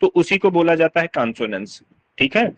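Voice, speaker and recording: A man's voice: fairly high pitch, very animated, a little fast, poor audio. Hindi-speaking man teaching English literature. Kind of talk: exam-prep lecture.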